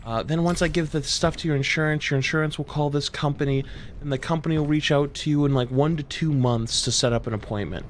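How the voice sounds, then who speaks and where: A man voicing a flustered, apologetic female clinic specialist who talks in a hurried, hesitant way. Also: on the high side, a little hiss or hum, pitched above the performer's own voice, lightly acted. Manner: hurried, hesitant, full of fillers.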